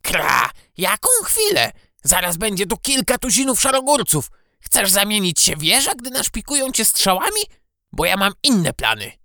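A man's voice: high-pitched, very animated, normal speed, vocal fry, pushed and bright, no room sound, clean studio sound, voice pushed up, exaggerated voice. A man voicing an impatient, bossy male crow-like creature who caws and scolds in an audiobook. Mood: mocking. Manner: cawing, scolding, commanding. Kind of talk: audiobook character voice.

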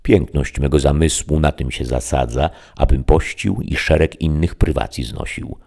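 A man's voice: a bass voice, normal speed, vocal fry, dark tone, slightly rough, heavily acted. A man voicing a lofty, solemn old knight in a stately, declamatory manner, reading an audiobook.

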